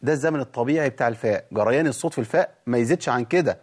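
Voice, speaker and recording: A man with an Egyptian Arabic accent teaching Quran recitation rules, animated and demonstrating sounds again and again. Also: medium pitch, very fast, breathy edge. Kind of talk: tajweed lesson.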